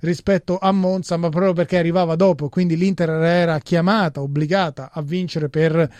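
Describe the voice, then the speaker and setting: A man's voice: fairly high pitch, steady tone, moderate pace, a little mellow, no room sound. A man presenting a football round-up, going through results and match reports as a studio presenter. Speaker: sports radio presenter.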